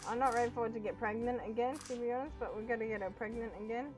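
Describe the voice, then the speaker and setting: A young woman giving casual commentary while playing a video game, often breaking into excited, gasping exclamations. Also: on the high side, racing. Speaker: gaming YouTuber. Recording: dull lo-fi audio with game music. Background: game music.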